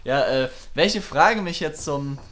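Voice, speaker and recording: A man hosting a podcast in relaxed, casual chat, laughing easily and hesitating with fillers. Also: fairly high pitch, slow. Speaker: podcast host.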